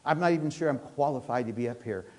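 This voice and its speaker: A middle-aged man preaching a sermon in a church, earnest and animated, talking fast with many restarts. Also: mid-range voice, crowd noise. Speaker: pastor.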